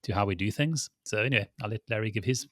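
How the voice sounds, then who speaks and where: Bright-voiced man. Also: lowish voice, quick pace, no echo, clean studio sound. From South Africa. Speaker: guest, financial advisor. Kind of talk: casual interview.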